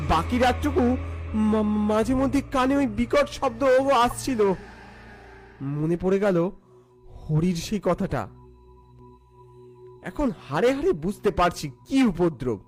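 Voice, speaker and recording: A man's voice: high-pitched, big pitch swings, unhurried, pauses often, soft background music. A man narrating a scripted first-person ghost story in a theatrical, suspenseful way.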